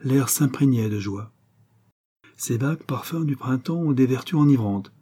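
A man reading a novel aloud as narration, in measured, literary phrasing. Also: mid-range voice, animated, dark tone, husky. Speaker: audiobook reader.

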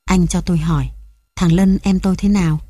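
A woman's voice: lowish voice, fairly even intonation, brisk, dark tone, slightly rough, dry recording, studio quality. A woman reading the part of a young married woman who speaks politely but guardedly.

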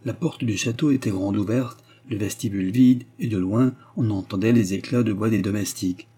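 A man giving a measured, expressive reading of a literary novel as an audiobook narrator. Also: on the low side, husky.

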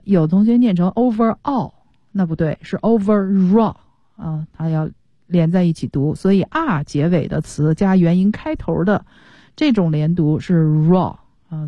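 A woman's voice: lowish voice, no echo, dull audio. Patient woman teaching English on radio. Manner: patient, explains pronunciation step by step.

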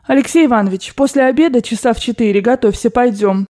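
Storybook part: woman reader doing a domineering elderly grandmother, blunt commands, pitched up, soft dark tone. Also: fast, natural voice. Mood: bossy. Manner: commanding, brusque and loud. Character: imperious rich old grandmother, bossy and blunt. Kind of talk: audiobook character voice.

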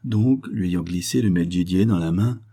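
A male storyteller reading a tale in a measured, expressive way. His voice is low and husky, with a warm, mellow tone. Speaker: narrator.

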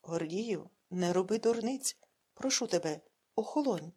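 A woman voicing a grieving older man who pleads with his brother, in her husky audiobook voice. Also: sits high, animated, a little slow, darkish tone, heavily acted. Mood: pleading. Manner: pleading, sorrowful.

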